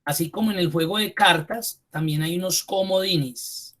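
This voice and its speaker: A man teaching a spreadsheet class online. He repeats key terms slowly for emphasis and speaks to the students directly and informally. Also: high voice, pushed and bright. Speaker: computer course instructor.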